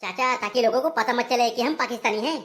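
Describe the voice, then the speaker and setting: A woman's voice: on the high side, fast, a loud crowd, close to an everyday voice. A woman voicing a naive, eager young man in a cartoon comedy. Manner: gullible, eager. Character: naive young male sidekick, greedy for food.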